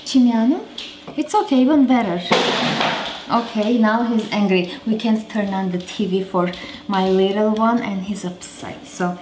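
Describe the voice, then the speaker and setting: In a roomy kitchen with faint clatter and a noisy background, a woman in her thirties hosts a home cooking show, talking casually as she cooks. Her mid-range voice is unhurried.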